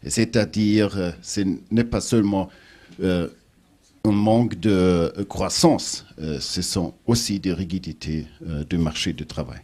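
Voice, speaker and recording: Halting German man in broken French, slow delivery. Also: sits low, a little mellow. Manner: halting, broken non-native French with grammatical slips and many hesitations. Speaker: panel speaker, international official. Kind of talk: prepared remarks at a panel discussion.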